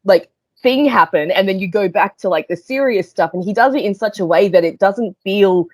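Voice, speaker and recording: A woman co-hosting a casual film review, retelling scenes with lively quoted asides. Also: mid-range voice, no echo. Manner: animated, quick retelling with acted-out quotes.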